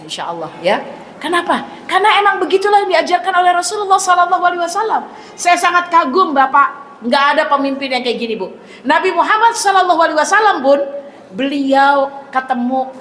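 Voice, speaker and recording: A middle-aged woman giving a mosque sermon, telling stories in a lively way and often speaking straight to the congregation. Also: sits high, slight background noise. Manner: lively storytelling, addresses the congregation constantly; acts out dialogue in raised voice. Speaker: preacher. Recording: echoey hall with faint ambience.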